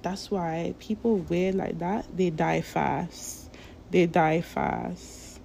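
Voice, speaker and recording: A woman rants straight to her viewers in a slow, drawn-out and rambling way, swearing freely. Her voice is low, dark and gravelly with plenty of fry, and her words drag out at an unhurried pace. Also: slight background noise. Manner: profane, rambling, drawn-out delivery. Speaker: vlogger. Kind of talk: casual ranting monologue.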